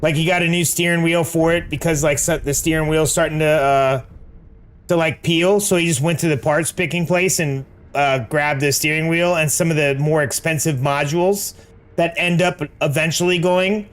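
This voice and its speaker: A man's voice: a little high, fairly even intonation, moderate pace. A middle-aged American man chatting casually while gaming, slangy and peppering his talk with dude and like. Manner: slangy, says dude and like often. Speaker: game streamer.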